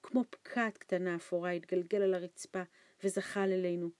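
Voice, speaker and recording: A woman's voice: lowish voice, steady tone, darkish tone, no echo. Woman reading a storybook. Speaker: audiobook narrator. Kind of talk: scripted storybook narration.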